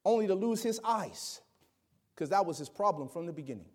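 Male preacher, high voice, dynamic delivery with loud and hushed turns. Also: animated, brisk. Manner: dynamic, swings from loud exclamations to quiet asides; acts out quoted voices. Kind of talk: sermon.

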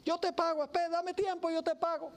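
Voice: flat delivery, a little fast. A preacher voicing a desperate male servant who begs for time to pay his debt, during a sermon. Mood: pleading. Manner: begging, high and strained.

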